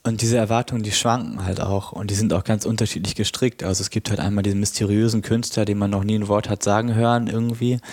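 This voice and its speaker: A man talking casually in a discussion, halting and rephrasing as he goes. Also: lowish voice, little pitch movement, darkish tone.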